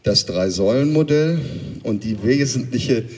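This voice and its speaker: A man giving a formal speech in a sports hall, measured and deliberate. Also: medium pitch, animated, darkish tone. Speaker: event speaker. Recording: reverberant hall from a distance.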